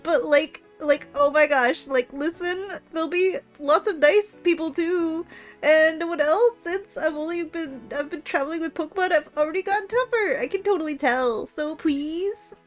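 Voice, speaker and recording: A woman's voice: sits high, pitched above the performer's own voice, natural voice. A woman voicing an eager, pleading teenage girl from a video game, with gushing Valley Girl speech. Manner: Valley Girl talk, gushing, peppered with "like" and "totally". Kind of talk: playful voice-over read of video game dialogue.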